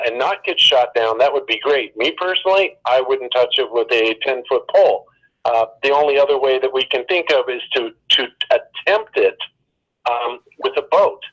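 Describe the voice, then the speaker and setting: Man, phone guest, measured, explanatory, hesitant fillers. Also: mid-range voice, a bit bright, poor audio. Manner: measured, explanatory, many ums. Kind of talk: debate over the phone.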